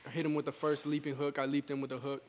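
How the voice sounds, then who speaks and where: A young man of eighteen speaks quickly and evenly, with a confident, explanatory manner. He sounds like an athlete in a casual interview, looping back over his phrases. The sound carries long hall reverb and a little background noise. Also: a little high, little pitch movement. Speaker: professional boxer being interviewed.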